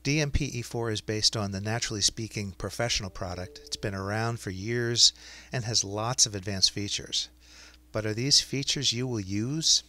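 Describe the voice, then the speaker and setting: A man narrating a scripted explainer as a software demonstrator. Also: fairly low pitch, normal speed.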